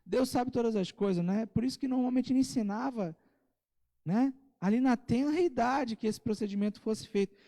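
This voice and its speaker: Warm-voiced Brazilian man teaching scripture. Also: very high voice, long reverb tail. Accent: Brazilian Portuguese. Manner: reads scripture slowly, then explains with asides and light humor. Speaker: Bible study teacher. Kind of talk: conversational Bible study teaching. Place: church.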